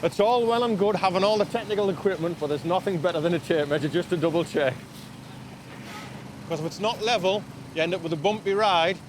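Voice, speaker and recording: Higher-pitched man explaining work outdoors. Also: fairly even intonation, a little fast. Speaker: railway engineer. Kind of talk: casual on-site explanation. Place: outdoors on a bridge work site. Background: prominent music, outdoor traffic sounds.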